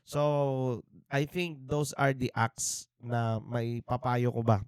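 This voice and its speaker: Earnest Filipino man, smooth clear voice. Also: mid-range voice, level tone, slow pace, darkish tone, dry recording, clean studio sound. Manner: earnest, reflective, with frequent restarts and fillers. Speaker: podcast co-host. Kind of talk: candid faith testimony, mixing Tagalog and English. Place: indoor podcast studio.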